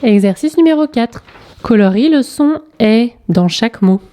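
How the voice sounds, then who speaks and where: A woman teaching very young pupils, correcting a worksheet and spelling out letters and sounds slowly and clearly. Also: fairly high pitch, lively intonation, dark tone. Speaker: primary school teacher. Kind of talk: slow, clearly articulated lesson correction for young children.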